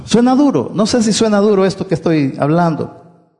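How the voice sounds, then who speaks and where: A man's voice: high-pitched, very animated, normal speed, darkish tone, in a large hall. A man preaching a sermon, explaining earnestly and often repeating words as he restarts.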